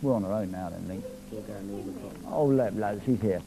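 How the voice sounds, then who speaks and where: A man's voice: fairly low pitch, moderate pace, creaky, mellow. A man hosting a live television music show from a studio, reading viewer messages in a jokey, teasing, playful way.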